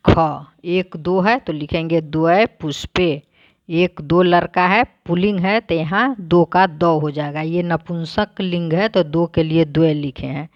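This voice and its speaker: A woman teacher who reads each word aloud, then explains it plainly, in a slow, deliberate lesson. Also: fairly low pitch, steady tone, no room sound, dull audio.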